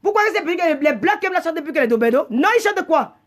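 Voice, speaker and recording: Agitated female livestream host, very high pitch, indignant scolding delivery with stammered repeats. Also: animated, fast. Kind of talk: heated live rant.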